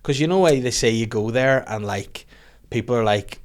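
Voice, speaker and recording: Guesting on a podcast, a comedian with a Northern Irish accent chats casually, rambling along with profane jokes. His voice is medium in pitch and his speed normal.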